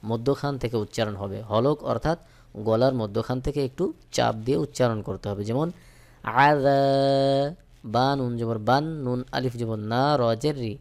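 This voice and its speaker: A man teaching Quran recitation, who spells out each letter with its vowel mark and then draws the recited word out slowly. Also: medium pitch, darkish tone. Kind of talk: spelling-out tajweed lesson.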